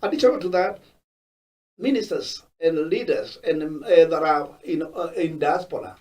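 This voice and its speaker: A man from Kenya, a guest on a panel discussion, who speaks haltingly with many restarts. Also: fairly high pitch, a little mellow. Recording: voice from far off the mic.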